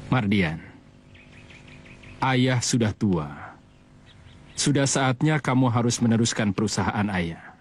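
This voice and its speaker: An actor playing a stern aging father who lectures his son in a measured way. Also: medium pitch, animated, husky. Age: older. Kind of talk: TV drama acting.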